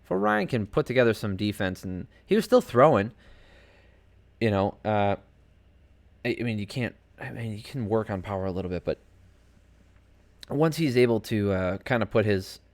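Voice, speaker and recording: Low-pitched male podcast host, chatty and rambling, casual solo commentary from a home desk. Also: animated, normal speed. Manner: rambling and chatty, heavy on fillers and asides. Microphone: home desk setup.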